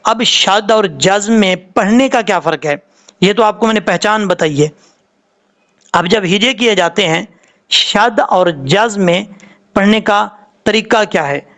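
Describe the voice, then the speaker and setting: A man's voice: sits high, a little slow, a bit bright. A man with a Pakistani Urdu accent teaching Quran reading, patiently drawing out letter sounds to show how they are said.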